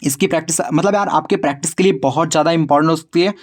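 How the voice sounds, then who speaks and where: Man teaching spelling. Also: fairly high pitch. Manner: talks to viewers directly as brother and kids, repeats words slowly. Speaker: English tutor on a video channel. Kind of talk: casual spoken lesson, spelling out words.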